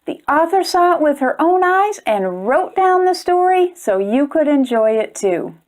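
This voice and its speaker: Her voice is high, sing-song and a touch mellow, and she takes her time. She's hosting a kids' storytime, reading aloud with feeling and speaking straight to the young audience.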